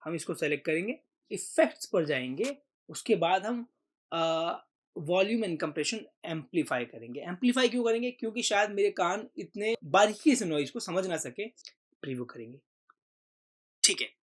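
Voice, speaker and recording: A man hosting a software tutorial, patiently explaining each step and mixing in English terms. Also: sits high, expressive, normal speed. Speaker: tutorial host. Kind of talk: screen-recorded software tutorial.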